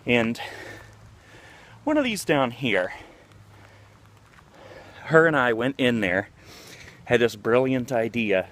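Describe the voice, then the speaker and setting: A man's voice: mid-range voice, expressive, slow, long pauses, a bit bright. Rambling man telling stories. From Ohio, USA. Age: 40s. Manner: candid, rambling, with many fillers. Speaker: vlogger. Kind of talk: casual storytelling vlog. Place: outdoors, walking through a neighborhood near a park.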